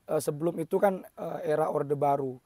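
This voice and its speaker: A slightly hoarse man hosting an explanatory commentary, talking in a measured way with frequent hesitation fillers. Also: fairly high pitch, dark tone, no echo. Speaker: host.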